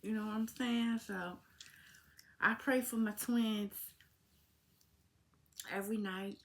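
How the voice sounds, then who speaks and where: A woman's voice: medium pitch, fairly even intonation. An eighteen-year-old woman talking casually to her viewers in a heartfelt vlog Q&A, calling them y'all. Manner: talks slowly, informal and heartfelt, addresses viewers as y'all. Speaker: vlogger. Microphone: phone.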